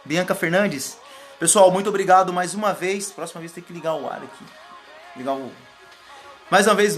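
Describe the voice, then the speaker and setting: Sweating in a warm indoor room, a public-speaking coach rambles through a casual live stream, reading comments and greeting each new viewer by name with thanks. He speaks in a high-pitched, fairly bright voice.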